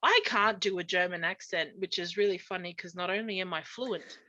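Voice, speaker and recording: A woman's voice: fairly low pitch, brisk, pushed and bright, no echo, muffled recording. A woman, co-hosting a podcast, telling stories in casual chat and laughing often. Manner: giggly storyteller, often laughing. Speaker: podcast co-host.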